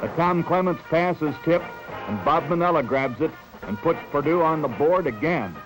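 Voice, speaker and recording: A man reads a 1970s newsreel in a crisp, upbeat announcer style. His voice sits a little high for a man. A music bed plays clearly beneath him. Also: expressive, normal speed, low-quality recording. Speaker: newsreel narrator.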